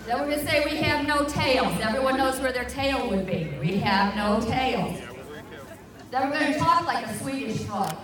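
A woman with a high-pitched voice speaks at normal speed as she leads a children's circle dance in a grassy festival park. As the folk dance leader, she gives playful, animated directions to the crowd via a handheld mic. The audio, recorded from a distance, is echoey and layered with music and crowd sounds.

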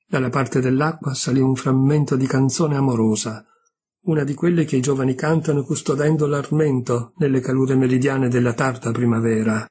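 A man reading a classic short story aloud with measured literary narration. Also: mid-range voice, fairly even intonation, darkish tone, breathy edge. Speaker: reader. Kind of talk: scripted narration.

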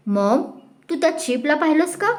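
Brief: woman voicing a drunk, slurring, cheeky young actress, pitched up high. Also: animated, normal speed. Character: drunk young woman film star, brash.

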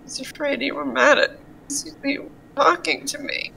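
A woman voicing a fragile, clingy young man who is hurting, in a tabletop role-play, talking in a hesitant, quiet, shaky way. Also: fairly high pitch, slow, vocal fry, slight background noise, exaggerated voice.

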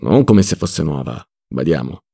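A man reading an audiobook, voicing a cautious country lawyer who speaks in a measured, quiet way. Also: a bass voice, lively intonation, vocal fry, husky, pitched below the performer's own voice, heavily acted.

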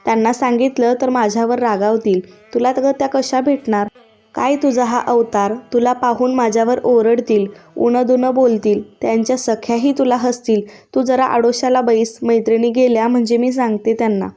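A woman's voice: fairly high pitch, steady tone, moderate pace, warm tone, lightly acted. A woman voicing a young palace maid who talks in an anxious, questioning way.

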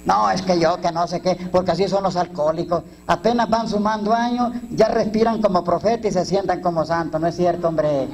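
A Mexican priest talks bluntly and jokingly to a recovery group, full of slang and rhetorical questions. His voice sits fairly high for a man but sounds dark and mellow. A faint mains hum runs under the recording. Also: steady tone, a little fast, few pauses, rough recording. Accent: Mexican Spanish. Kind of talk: informal talk to a twelve-step group.

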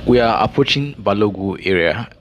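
A man's voice: on the low side, expressive, a little fast. A Nigerian man giving casual commentary while driving, pointing out sights along the road like a tour guide. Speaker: vlogger. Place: inside a moving car. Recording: road and car noise behind.

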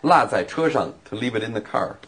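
A man's voice: medium pitch, animated, brisk, a bit bright, husky. A man teaching vocabulary and grammar in a lesson, explaining patiently with examples. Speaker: language teacher.

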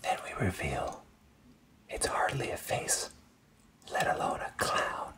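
A young man whispering, deadpan, as the host of a comedic ASMR parody. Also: slow pace. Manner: soft breathy whisper, deadpan. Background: plucked guitar music.

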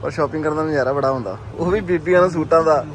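Male vlog co-host, Punjabi accent, fairly high pitch, casual chat over clear market noise. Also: fast talker. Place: on location in bazaar and shops. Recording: noisy street and market surroundings.

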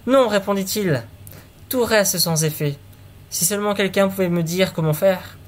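A man voicing a carefree, fearless young man in a read-aloud fairy tale, with a lighter, higher voice than his narration. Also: normal speed, natural voice. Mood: wistful. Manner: carefree, cheeky. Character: fearless cheerful young man seeking fright.

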